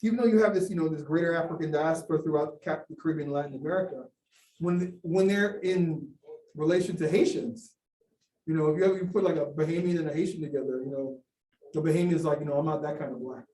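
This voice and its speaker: A man's voice: a little high, fast talker, mellow. A man giving a talk and answering audience questions, hesitant with many restarts and fillers. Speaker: guest speaker. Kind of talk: academic Q&A talk. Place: lecture room. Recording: echoey room from far off.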